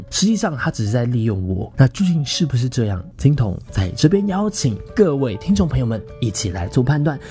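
Guitar music runs beneath a young man's mellow, mid-range voice as he hosts his podcast. With a Taiwanese Mandarin accent, he shares a personal story expressively and conversationally, regularly turning to his listeners.

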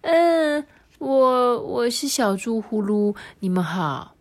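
A woman's voice: fairly high pitch, sing-song, slow pace, pitched above the performer's own voice, full character voice. A woman voicing a shy little lion cub boy in a storybook, hesitant and stammering. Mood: timid.

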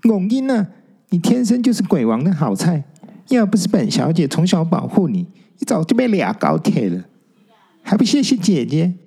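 A man's voice: sits high, wildly swooping pitch, normal speed, vocal fry, warm tone, slightly rough, pitched above the performer's own voice, full character voice. A man voicing a bossy, smug young female ghost guardian, teasing and scolding.

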